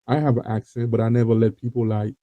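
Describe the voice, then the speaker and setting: A Haitian man with a Haitian accent hosts an online talk show, speaking earnestly to viewers in a casual monologue packed with fillers and repetitions. His medium-pitched voice is mellow, flat, and fast, captured in a dull, dry, lo-fi recording.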